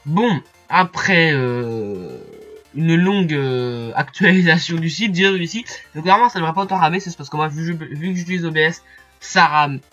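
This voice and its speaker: A man's voice: a little high, expressive, moderate pace, fairly bright tone, dull audio, soft background music. A man walking viewers through a photo-editing site in a casual screen-recorded tutorial, chatty and hesitant, full of fillers and asides. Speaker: YouTuber explaining software.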